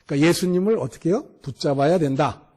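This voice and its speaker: A man's voice: on the high side, fast. A male pastor preaching a sermon, acting out the story and asking the congregation for responses. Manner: animated storytelling, acting out the scene.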